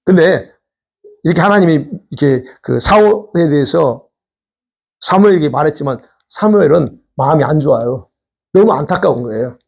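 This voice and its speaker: A man's voice: on the high side, expressive, normal speed, creaky, slightly rough. A man pastor preaching a sermon in a conversational way, posing questions to the congregation. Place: church sanctuary.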